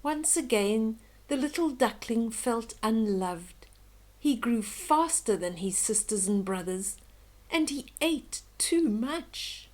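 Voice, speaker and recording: Reading a children's story slowly and with expression, an older woman pauses for soft, conversational asides aimed at young listeners. Her pitch is fairly high and her delivery expressive.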